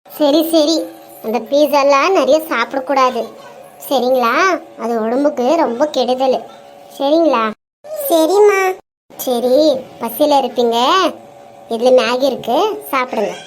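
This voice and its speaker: High-voiced woman voicing a weary mother. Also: fairly even intonation, a little slow, long pauses, slight background noise. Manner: weary, earnest, tearful pleading. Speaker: narrator voicing a struggling single mother. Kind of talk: cartoon story voicing.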